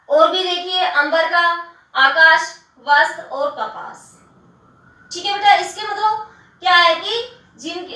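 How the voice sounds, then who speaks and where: A woman teaching a grammar lesson to students, calling them child and repeating each word slowly as she writes it. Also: high voice, pushed and bright. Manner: addresses students as child, repeats words slowly while writing. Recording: echoey room, mic at a distance.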